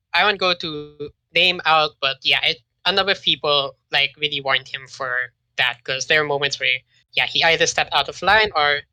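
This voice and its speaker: A young man as a podcast guest, talking in a loose, rambling way with many pauses and restarts. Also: fairly high pitch, sharp tone, no room sound, rough recording. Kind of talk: casual podcast chat.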